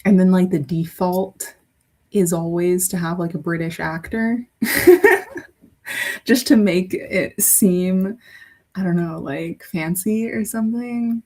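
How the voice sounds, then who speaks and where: A woman hosts a casual livestream and chats with her viewers. She talks slowly, with an airy, breathy tone. Her talk rambles, breaks into giggles and often restarts mid-sentence. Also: lowish voice, mellow, poor audio. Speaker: livestream host.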